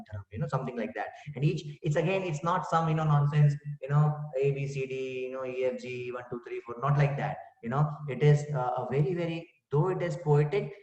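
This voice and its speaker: A man's voice: medium pitch, a little mellow. A man giving an inspirational spiritual talk, asking rhetorical questions and saying "you know" often. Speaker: spiritual speaker. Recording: dull far-off roomy recording.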